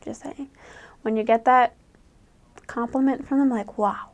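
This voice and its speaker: A young American woman, a returned missionary, gives chatty, casual advice in a higher-than-average voice with a steady tone and measured pace. She laughs often while acting out the voices she quotes.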